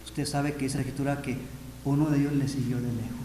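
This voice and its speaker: A man's voice: mid-range voice, fairly even intonation, fast. A Mexican-accented man preaching a dramatic sermon and calling his listeners brothers. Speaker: pastor. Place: seminary hall. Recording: echoey hall with long reverb, faint noise.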